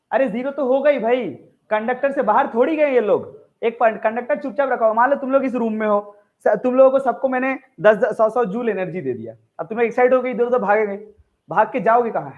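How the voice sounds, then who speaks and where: A male teacher giving a live physics lecture to a classroom in a chatty, joking way, often quizzing his students. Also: extremely high pitch. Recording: tinny phone-like sound.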